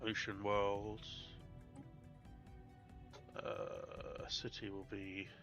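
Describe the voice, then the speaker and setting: A man's voice: on the low side, level tone, drawn-out words, music in the background. A British man with a congested, tissue-plugged nose, chatting casually and self-deprecatingly as he hosts a live game stream. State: congested with a bad cold, tissue stuffed up his nose. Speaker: streamer, host.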